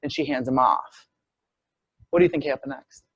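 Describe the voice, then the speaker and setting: A man's voice: medium pitch, moderate pace, breathy edge, dry recording. A man lecturing as a visiting professor, telling a medical case as a story and acting out what people said. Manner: storytelling, acts out quoted speech.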